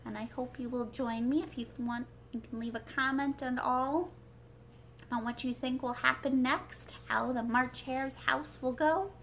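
A young adult woman hosts a children's read-aloud, reading a story in a small living room a little way from the mic. Her voice sits high, with a steady tone and an unhurried pace. The home livestream carries faint noise.

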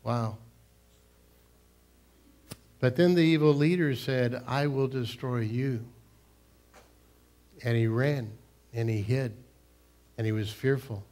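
An older man, a pastor preaching a sermon in a church sanctuary, swinging between loud emphasis and hushed, near-whispered lines. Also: medium pitch, takes it slowly, pauses often. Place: church sanctuary, large room.

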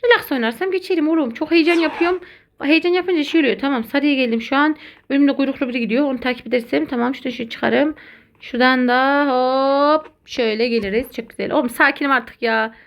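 A woman giving casual, excitable commentary while playing a video game, talking to her viewers as friends. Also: high-pitched, fast, dull audio. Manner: excitable, chatty, addresses viewers as buddies. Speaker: gaming content creator.

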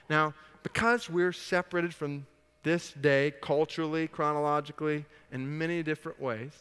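A man preaches a sermon in a large church auditorium, his voice bright and pitched fairly high. He talks with animation, dropping to a hush and then rising loud as he acts out the dialogue. Long reverb from the hall trails every phrase. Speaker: pastor.

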